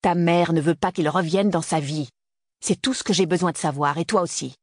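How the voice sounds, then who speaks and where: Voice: mid-range voice, a little fast, no echo, studio quality, lightly acted. A reader voicing Frank, a stern graying father. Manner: clipped, peremptory delivery. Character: stern graying middle-aged father, curt and commanding. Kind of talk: audiobook character reading.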